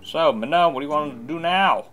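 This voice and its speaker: A gameplay commentator gives casual, jokey let's-play commentary on a game he's trying for the first time, grumbling and humming along. His voice is on the high side, brisk and a bit bright, with slight background noise.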